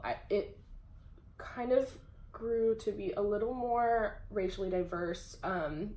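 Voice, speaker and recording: A young adult woman with a fairly low pitch and darkish tone interviews someone in casual conversation. She is hesitant, pausing often with "um," and laughs easily. The room is echoey, with a faint hum in the background.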